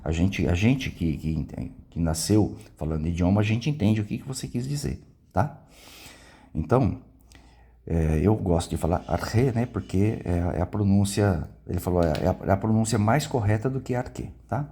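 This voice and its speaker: A man's voice: deep voice, animated, moderate pace, mellow, husky. A Brazilian man with a Brazilian Portuguese accent, giving an informal Bible lesson and often checking in with his listeners. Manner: conversational, frequent tag questions. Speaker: Bible teacher.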